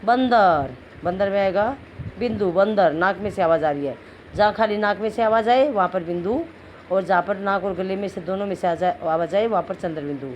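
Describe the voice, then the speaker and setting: A woman teacher explaining a lesson to children, drawing out syllables slowly as she goes through each word. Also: medium pitch, a little mellow. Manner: slow, explaining, drawn-out syllables. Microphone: phone. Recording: screen-recorded phone audio with faint noise.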